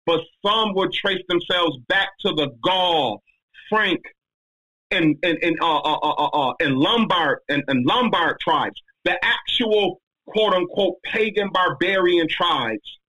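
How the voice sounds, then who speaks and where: A man holds forth in a casual discussion, emphatic and slangy, his voice pitched high and bright. The tone is husky, and he speaks with lively conviction. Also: takes it slowly, poor audio. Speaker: speaker answering a question.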